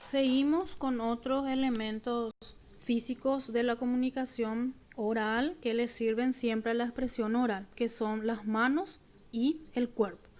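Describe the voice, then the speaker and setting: A woman teacher, giving a recorded class in a clear, deliberate way with examples. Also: a little high, steady tone, darkish tone. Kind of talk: recorded remote class lesson.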